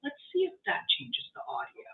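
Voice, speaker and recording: A streamer with a sore throat from strep, hosting a casual live Q&A with many fillers, heard through crunchy, bitcrushed digital audio. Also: a little fast. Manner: hesitant, lots of fillers, troubleshooting aloud. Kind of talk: casual livestream chat. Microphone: built-in webcam microphone. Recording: tinny, crunchy webcam mic audio.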